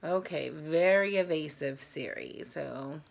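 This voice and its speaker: A woman in her thirties hosts a casual vlog and sounds tired. Her voice sits on the low side and has a gravelly fry in it. She talks conversationally to the camera. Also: slow. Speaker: host of a challenge video. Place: small room at home.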